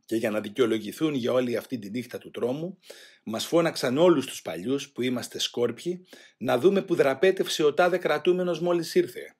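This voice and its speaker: A man reading a first-person memoir aloud in a grave, measured way. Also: medium pitch, husky. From Greece. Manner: grave, measured, voicing shouted quotes louder. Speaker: audiobook reader.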